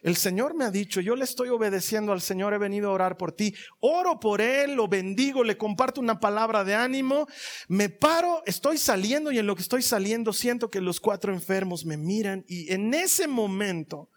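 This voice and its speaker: High-voiced animated male preacher. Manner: animated storytelling, voices quoted dialogue in lower tones. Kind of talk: sermon with acted-out stories.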